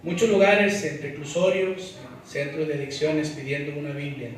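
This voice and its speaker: Pastor, man, high and bright, sermon that drops to a hush then rises to exhortation, echoey far-off church sound. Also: steady tone, normal speed, slight background noise. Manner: swings between hushed pleading and loud exhortation. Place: church sanctuary. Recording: echoey church from a distant mic.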